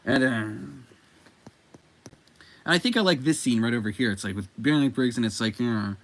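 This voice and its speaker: A man's voice: mid-range voice, normal speed. A man giving casual commentary as a comic book reviewer, rambling with frequent fillers and self-corrections.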